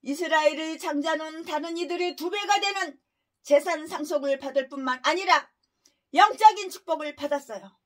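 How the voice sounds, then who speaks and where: Woman pastor, sermon, very high and sharp-toned, harsh scolding delivery full of rhetorical jabs. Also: normal speed. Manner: scolding, crude insults and rhetorical questions. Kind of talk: expository sermon.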